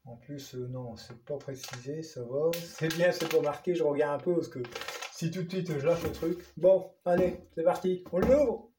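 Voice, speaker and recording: A man with a northern French accent, chatting through an unboxing vlog, excited and stumbling over his words. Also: fairly high pitch, moderate pace, noisy background. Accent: Ch'ti. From northern France. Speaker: vlogger.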